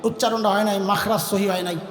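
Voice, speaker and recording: Man, fiery call-and-response sermon, very high voice, echoey PA sound, faint crowd. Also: steady tone, a bit bright. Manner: storytelling with quick voiced asides. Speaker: preacher. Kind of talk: fiery sermon at a large religious gathering. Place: large open-air religious gathering. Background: crowd of listeners.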